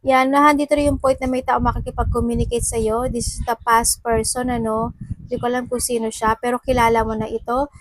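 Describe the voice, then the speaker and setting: Woman tarot reader, higher voice, close dry sound, chatty and rambling. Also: little pitch movement, a little fast, no room sound, poor audio. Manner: chatty, mixing Tagalog and English, with frequent fillers and asides. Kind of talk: casual tarot reading monologue.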